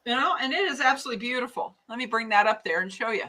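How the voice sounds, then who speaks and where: Bright-voiced older Midwestern American woman. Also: a little high, lively intonation, very fast. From United States. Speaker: hat loom craft class teacher. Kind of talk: casual live tutorial chat.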